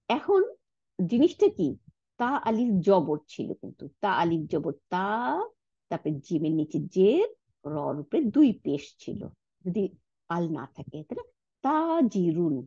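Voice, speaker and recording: A woman's voice: medium pitch, a little mellow, no room sound, muffled recording. Patient woman teaching Arabic letters. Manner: patient, explains step by step, checks with "right?". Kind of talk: recorded Quranic Arabic lesson.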